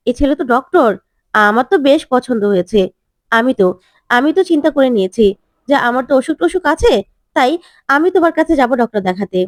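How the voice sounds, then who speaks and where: A woman's voice: high voice, animated, a little fast, long pauses, dry recording, clean studio sound. A woman voicing a playful, complaining older father figure in a retold serial.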